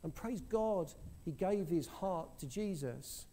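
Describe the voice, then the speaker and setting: A man's voice: sits high, lively intonation, takes it slowly, dark tone, slight background noise. A man preaching, telling a story to his congregation in an earnest way with frequent restarts. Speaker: preacher sharing a testimony. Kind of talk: sermon testimony.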